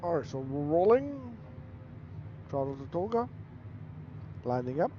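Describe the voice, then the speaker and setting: A man speaks as an airline pilot over a cockpit headset, his voice sitting slightly high. He reads back clearances and calls out checks in clipped, procedural radio phrasing. A steady wash of noise runs behind him throughout. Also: unhurried, highs cut off. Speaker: flight simulator player acting as airline pilot.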